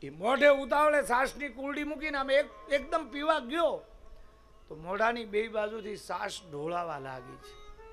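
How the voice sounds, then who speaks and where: A man's voice: very high voice, animated, measured pace, fairly bright tone, faint music behind. A man preaching a devotional sermon, telling a scripture story and putting emphatic rhetorical questions to his listeners.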